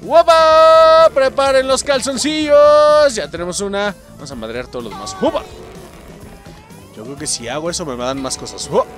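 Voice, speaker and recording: Over music, a young adult let's play host with a Mexican Spanish accent talks briskly at a medium pitch. He's casual and excitable, swears freely, and keeps speaking directly to his audience as he plays.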